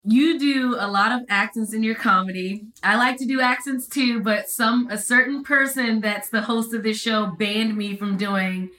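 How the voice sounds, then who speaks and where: A woman's voice: fairly high pitch, fairly even intonation, moderate pace, hardly any pauses, bright, forceful tone. A woman co-hosting a podcast in a playful, teasing way. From American. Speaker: podcast co-host. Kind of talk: casual podcast chat. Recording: roomy echo.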